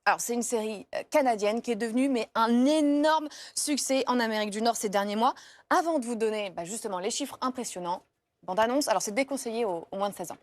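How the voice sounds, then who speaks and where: A woman's voice: a little high, fast. A woman reporting live on a TV news set, chatty, with frequent hesitations and restarts. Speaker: entertainment reporter.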